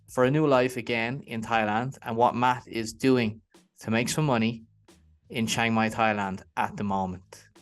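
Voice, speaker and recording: Chatty male interview host. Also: medium pitch. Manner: friendly, chatty, upbeat. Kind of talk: casual interview.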